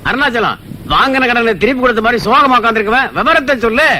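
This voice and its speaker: A man's voice: very high voice, fast, pushed and bright, a little hiss or hum, heavily acted. An actor playing a sly village friend who needles his pal with jokey advice in a film comedy. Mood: teasing. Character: sly, teasing middle-aged village buddy. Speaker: friend of the father. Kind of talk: Tamil film comedy dialogue.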